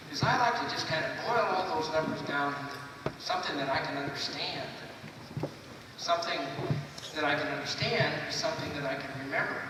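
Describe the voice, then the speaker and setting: An older man delivers a podium speech in a somewhat high voice, theatrical and emphatic, pausing deliberately as he tells his story. He is picked up from far off in a very echoey hall. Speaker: guest speaker, retired naval officer. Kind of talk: podium speech to a school assembly. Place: large echoing hall. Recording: echoey hall, distant mic, loud noise.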